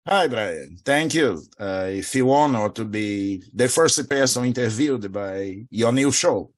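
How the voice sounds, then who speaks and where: A middle-aged man whose Brazilian Portuguese accent colors his English. He talks as a spiritual teacher in an interview, wandering through his thoughts in a reflective, unhurried way and dropping in soft laughs and filler phrases. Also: medium pitch, animated.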